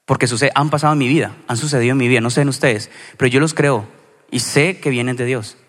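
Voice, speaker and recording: A man with a Colombian accent from Cali, a pastor giving a sermon in a conversational, storytelling way with lively asides. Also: medium pitch, fast. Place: church hall. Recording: reverberant church hall.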